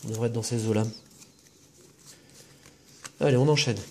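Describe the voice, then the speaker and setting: A man's voice: mid-range voice, steady tone, noisy background. A man hosting a casual video, chatting as he lists each trading card he opens and comments on it. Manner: chatty, listing cards with quick comments. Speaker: host opening trading card packs.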